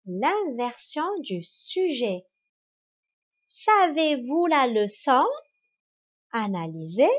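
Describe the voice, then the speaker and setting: Female schoolteacher, very unhurried and high-pitched, patient encouraging classroom read. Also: very animated. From Morocco. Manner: slow, spelled-out, encouraging classroom delivery. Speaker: primary school teacher. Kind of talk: grammar lesson for children. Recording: dull lo-fi recording.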